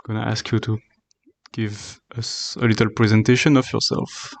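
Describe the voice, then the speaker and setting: A man hosting a casual podcast interview, asking his questions in a tentative, halting way. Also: on the low side, little pitch movement, creaky, no echo.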